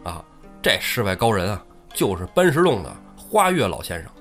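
A man's voice: on the low side, normal speed, soft background music. A man hosting a podcast, telling an old tale casually and chattily, often checking for agreement. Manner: animated, chatty, asks listener for agreement. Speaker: podcast storyteller host. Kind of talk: casual storytelling.

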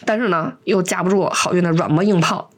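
A woman co-hosting a podcast, retelling a TV plot in casual chat, animated and acting out the quotes as she goes. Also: on the low side, brisk. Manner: animated storyteller, acts out quotes, laughs often. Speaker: podcast co-host.

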